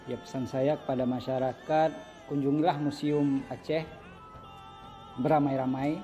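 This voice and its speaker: A man's voice: mid-range voice, flat delivery, unhurried, mellow, soft background music. Man explaining an exhibit, dull lo-fi sound. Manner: explanatory, with hesitant fillers. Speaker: museum guide. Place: museum exhibition hall.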